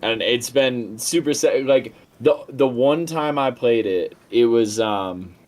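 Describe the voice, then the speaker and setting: A man's voice: medium pitch, slow pace, a little mellow. A young man streaming a game, talking in a rambling, enthusiastic way and swearing casually as he chats. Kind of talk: casual live-stream chat while gaming.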